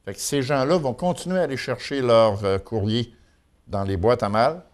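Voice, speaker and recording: A man's voice: mid-range voice, normal speed. A man with a Quebec French accent giving an informal local news chronicle in a folksy, colloquial way. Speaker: local news and gossip columnist.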